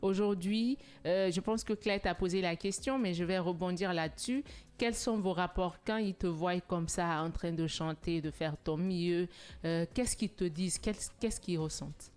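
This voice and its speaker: A woman's voice: lowish voice, moderate pace, clear, resonant tone. Earnest motivational woman co-host. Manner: earnest, motivational, animated when telling anecdotes. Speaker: TV show co-host. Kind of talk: studio talk show chat. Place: TV studio.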